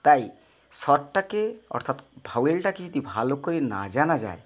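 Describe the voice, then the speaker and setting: A man's voice: on the high side, sing-song. Patient male teacher spelling words. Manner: slow, patient, repeats and spells out each word. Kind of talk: spoken English pronunciation lesson.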